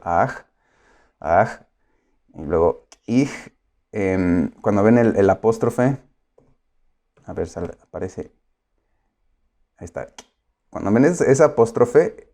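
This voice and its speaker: A man giving a lecture, pausing often with filler sounds and explaining patiently. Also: lowish voice, dark tone. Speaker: course lecturer.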